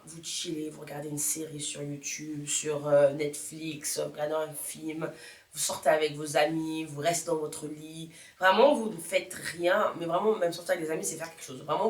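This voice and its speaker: A woman in her thirties talking casually to her viewers in a motivational vlog, chatty and repeating words for emphasis, often correcting herself as she goes. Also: sits low. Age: 30s. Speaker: YouTuber. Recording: echoey room.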